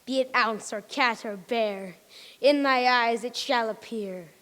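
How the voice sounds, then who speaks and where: A woman playing a commanding male fairy king who chants a spell slowly in a school stage play. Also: fairly high pitch, a bit bright. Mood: incanting. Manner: slow, incanting chant. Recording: echoey hall.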